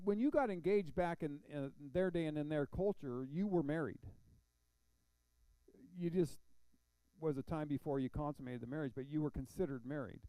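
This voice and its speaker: A man's voice: fairly high pitch, warm tone, clean tone, no room sound, low-quality recording. A man teaching an adult Bible class, reading scripture aloud and explaining it with questions to the class. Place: church classroom.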